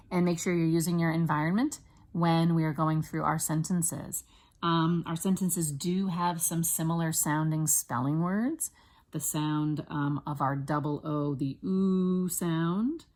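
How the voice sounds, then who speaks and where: Woman teacher, low voice, slow deliberate dictation, spelling lesson for first graders.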